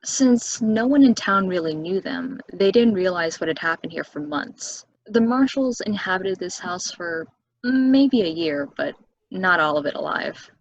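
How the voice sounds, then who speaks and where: Reading for a stage play at the table, this woman voices a calm young local who keeps to herself and tells things plainly and without hurry. Her voice sits on the low side, and her tone suits storytelling. The recording is dry and lo-fi.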